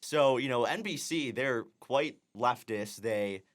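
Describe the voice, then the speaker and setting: A man's voice: mid-range voice, takes it slowly. A young man with a Canadian accent co-hosting a podcast, talking casually with many fillers. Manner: relaxed, filler-heavy talk. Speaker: podcast co-host. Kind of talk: casual chat.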